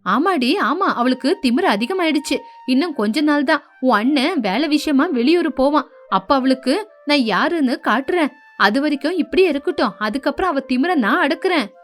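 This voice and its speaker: A woman voicing a domineering older mother-in-law in an animated story, scolding and bossy. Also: high-pitched, a little fast, faint music behind.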